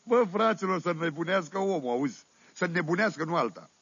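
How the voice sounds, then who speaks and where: Țăran oltean, poveste cu haz, voce cam înaltă, teatru radiofonic vechi de vinil, sunet mat. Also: male voice, fairly high pitch, lively intonation, gravelly, a bit bright, slightly rough, dry recording, exaggerated voice. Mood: amused, rambling. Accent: Oltenian. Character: folksy Oltenian village man telling tales. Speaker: storyteller. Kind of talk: 1970s radio comedy monologue. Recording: dull dry 1978 vinyl radio recording.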